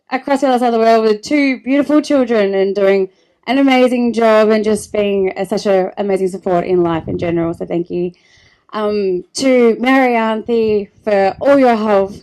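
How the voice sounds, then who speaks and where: A woman in her thirties giving a heartfelt, tearful wedding speech, halting and restarting as she speaks. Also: on the high side, darkish tone. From Australia. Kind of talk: emotional wedding thank-you speech.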